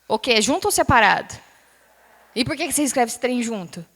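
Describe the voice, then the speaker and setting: A woman teacher gives a lively review lecture to a class, often questioning students and drawing out words. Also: fairly high pitch, fairly quick. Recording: long hall reverb.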